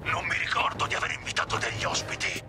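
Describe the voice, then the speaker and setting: A man voicing a huge, coldly smug alien warlord in a cartoon dub, deep, gravelly, slow and mocking. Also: big pitch swings, loud music behind the voice. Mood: coldly menacing.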